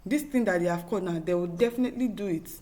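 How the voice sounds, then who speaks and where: Fast and mellow, on the low side, a Nigerian-accented woman hosts an opinionated news talk show and reads viewer comments aloud. She's emphatic and clearly exasperated, using repetition and rhetorical questions.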